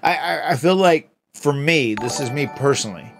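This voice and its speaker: A man's voice: a little high, lively intonation, moderate pace, faint music behind. A middle-aged man co-hosting a livestream, talking casually and rambling with fillers and restarts. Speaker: retired pro wrestler, co-host.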